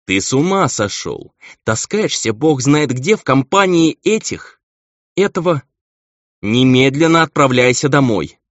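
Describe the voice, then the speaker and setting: A man's voice: lowish voice, sing-song, normal speed, creaky, no echo, exaggerated voice. A man reading an audiobook, voicing a haughty female battle angel who talks with scorn and command. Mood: scornful. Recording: dull lo-fi audio.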